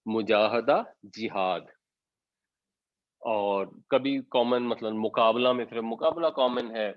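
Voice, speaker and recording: In a patient lesson, a male Quran teacher with a fairly low-pitched voice explains scripture and drops English words into what he says. No echo is audible; the recording comes across as dry and a little dull.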